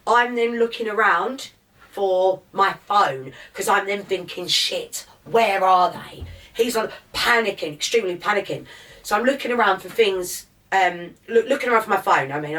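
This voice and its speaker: A woman's voice: on the low side, a bit bright, far from the mic. A woman with an Essex accent, a podcast guest, retelling events in a fired-up, swearing, present-tense way. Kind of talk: casual interview, recounting events.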